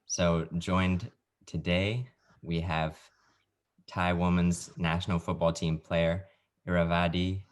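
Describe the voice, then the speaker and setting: Over a video call, a podcast host leads a casual interview in a very low-pitched voice. He keeps things easygoing and jokey as he asks his questions.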